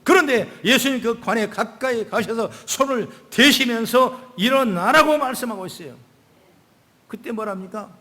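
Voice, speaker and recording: An older man preaches a sermon, his voice pitched high for a man. He moves between loud, emphatic calls and soft, low asides. The sound rings with the long reverb of a church hall. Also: moderate pace. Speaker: pastor. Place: church sanctuary.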